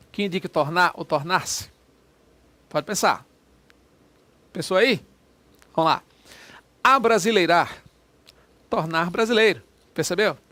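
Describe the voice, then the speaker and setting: There's a fairly bright tone to this man's high voice as he lectures on exam questions. He speaks with a Brazilian Portuguese accent, stays conversational, and keeps prodding the listener with brief check-ins.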